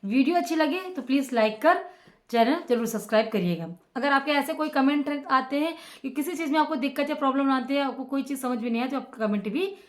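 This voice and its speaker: A woman teacher giving informal study advice to students, in a chatty way that repeats phrases and fills pauses with "ok". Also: high-pitched, echoey room. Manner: conversational, repeats phrases with frequent fillers and "ok".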